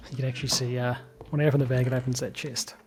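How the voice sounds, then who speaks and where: A slightly hoarse man giving casual, chatty commentary as he plays a game, thinking aloud. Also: mid-range voice, level tone, racing, over music. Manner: chatty, thinks aloud with fillers and small laughs. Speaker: let's play gamer.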